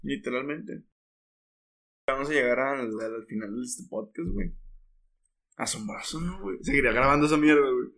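A man's voice: medium pitch, expressive, moderate pace, gravelly, long pauses, fairly bright tone. A man with a northern Mexican accent from Monterrey, co-hosting a podcast and telling a story in casual chat, with heavy crude slang and frequent restarts. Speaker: podcast co-host.

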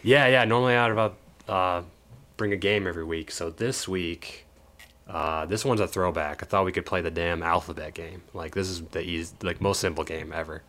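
A man's voice: low voice, normal speed, a bit bright. A man co-hosting a podcast in casual chat, laid-back and swearing offhandedly. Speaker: podcast co-host.

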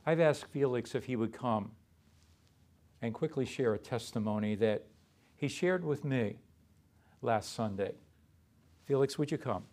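A man's voice: medium pitch, unhurried, long pauses, darkish tone. A male pastor delivering a sermon in an emphatic way, putting rhetorical questions to his listeners.

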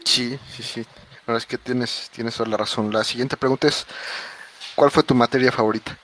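A man hosting a casual podcast interview, asking questions in a relaxed, conversational way with many fillers. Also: mid-range voice, normal speed, slight background noise.

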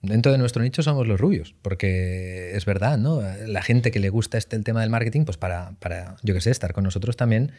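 Animated man telling stories. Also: lowish voice, a little fast, hardly any pauses. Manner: animated storytelling, acts out quotes. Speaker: guest youtuber. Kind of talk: casual podcast chat.

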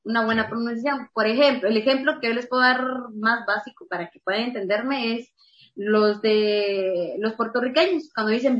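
A woman's voice: on the high side, a bit bright. Explaining woman in a roomy, lo-fi sound. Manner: explanatory, laughs easily. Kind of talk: casual explanatory talk. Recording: roomy, dull lo-fi audio.

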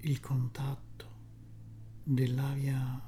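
A soft, breathy, half-whispering voice guiding a relaxation meditation soothingly, in short phrases with long pauses. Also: mid-range voice, completely flat delivery, slight background noise. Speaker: guided meditation narrator.

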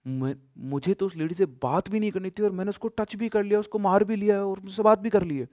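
A man voicing a frightened young woman talking to herself in a hushed, panicked way. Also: high-pitched, brisk, pitched above the performer's own voice, lightly acted. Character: frightened young woman regretting her mistake.

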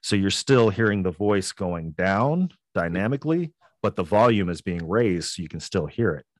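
A man speaking as a podcast guest in a casual interview, relaxed and rambling with many fillers. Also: sits low, moderate pace, no echo, clean studio sound.

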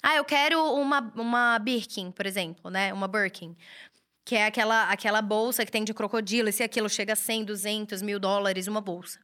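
A woman's voice: medium pitch, fairly even intonation, brisk, sharp tone. A woman, hosting a casual, chatty solo talk on business advice from a room at home. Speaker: host and writer. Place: indoor room with a curtain backdrop, books and a computer.

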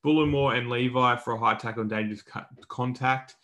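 On a podcast he co-hosts, an Australian man gives a relaxed, matey, colloquial rundown of sports news. His voice is medium in pitch, steady, brisk and a bit bright.

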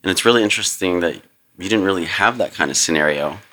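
A man's voice: low-pitched, fast talker, bright, forceful tone. A man hosting a podcast, chatting casually and hesitantly with many ums and restarts. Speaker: podcast host. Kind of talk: casual interview chat.

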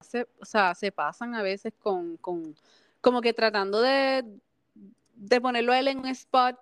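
A woman's voice: a little high, measured pace, clear, resonant tone, dry recording, studio quality. A woman co-hosting a podcast, chatting expressively and slipping in English phrases. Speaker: podcast co-host. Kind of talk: casual gossip chat.

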